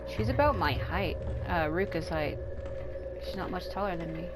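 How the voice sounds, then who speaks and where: A woman in her thirties, speaking at home as a let's play gamer in casual, rambling gameplay commentary and thinking out loud. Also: fairly low pitch, expressive, normal speed, heavy background noise. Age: 30s. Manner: rambling and candid, thinking aloud. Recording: game music playing under the voice.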